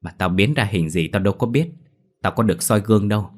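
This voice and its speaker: A cranky old ghost who grumbles loud and quick, as a male narrator puts him on. Cowardly and bumbling, he scolds anyone who wakes him and shrieks at the sight of another spirit. The voice sits low. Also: lively intonation. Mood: grumpy.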